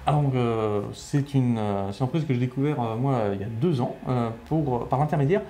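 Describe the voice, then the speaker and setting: A man co-hosts a laid-back film discussion, his voice dark and mellow. He hesitates often, circling back with fillers before finishing a thought. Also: medium pitch, a little fast, slight background noise. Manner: hesitant, many fillers and restarts. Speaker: co-host. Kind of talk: casual film chat.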